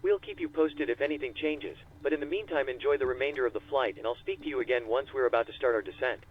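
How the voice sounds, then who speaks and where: A man's voice: mid-range voice, fast talker, slight background noise. A man voicing an airline captain giving formal, courteous announcements from the cockpit over the cabin speaker. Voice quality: formal, courteous, even delivery. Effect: cockpit announcement over a tinny cabin speaker. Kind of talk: scripted in-flight announcement. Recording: tinny phone-like in-game audio.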